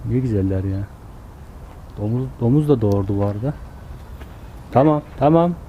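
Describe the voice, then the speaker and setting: A man's voice: lowish voice, a little fast, narrow, tinny audio, a little hiss or hum. A man vlogging from outdoors in a zoo enclosure, chatting casually and soothing the animals as he films. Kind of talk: casual narration while filming animals.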